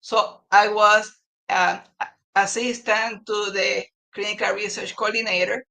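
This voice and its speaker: A man, a physician researcher speaking formally and haltingly as a guest on a webinar interview over a video call. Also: high-pitched, flat delivery, gravelly, pushed and bright, rough recording. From Puerto Rico.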